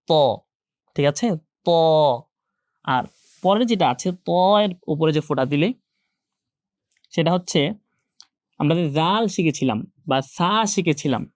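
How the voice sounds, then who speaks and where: A young male Quran teacher in an online lesson, his voice sitting a little high for a man. He slowly and patiently repeats each letter sound so the students can follow. The recording is dry and close, with no room sound. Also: no room sound. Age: young adult. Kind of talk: online class lecture.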